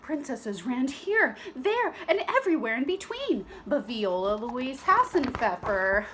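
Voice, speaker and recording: A woman reads a children's storybook expressively, pausing for teacherly asides to her young listeners. Her voice sits high and is a bit bright and very animated, and she keeps a measured pace. There's slight background noise.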